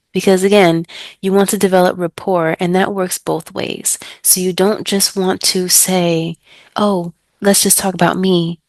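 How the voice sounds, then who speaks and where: Young American woman, ESL tutor giving chatty how-to tips; lower voice, dry sound. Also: dry recording. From United States. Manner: chatty, acts out student exchanges in a brighter voice. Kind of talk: teaching tips to other tutors.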